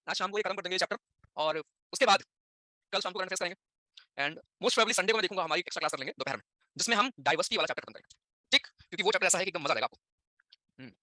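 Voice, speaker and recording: A young man delivers an online lecture at a rapid clip. His high, bright voice stays chatty, and he keeps asking his students questions as he goes. The sound is dry and close, with almost no room around it. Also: dry recording. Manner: chatty, addresses students directly with frequent tag questions. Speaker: teacher.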